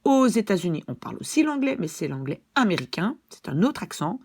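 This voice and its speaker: A woman's voice: medium pitch, sing-song, brisk, darkish tone, slightly rough. A woman from Belgium with a Belgian French accent, explaining a language point in a chatty, casual lesson, with lots of examples and asides. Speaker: Dutch language teacher.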